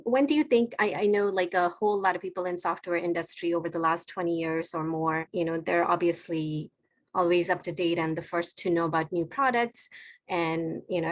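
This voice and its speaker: A woman asking polite, rambling questions in a casual conversation. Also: on the low side. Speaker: course participant asking questions.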